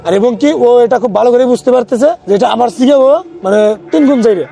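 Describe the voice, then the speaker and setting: A man's voice: extremely high pitch, fast talker, gravelly, mellow. A man, an ambulance driver, telling his own experience in a casual, rambling way, often restarting his sentences. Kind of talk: casual first-person storytelling. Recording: faint background music.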